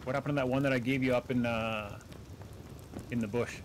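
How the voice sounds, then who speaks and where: A mid-pitched man chatting over a team game, stopping and restarting as he gives orders to his teammates. A faint noise sits under his voice. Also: steady tone. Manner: halting, full of "uh", directing teammates. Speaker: gamer on voice chat. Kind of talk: casual team game chat.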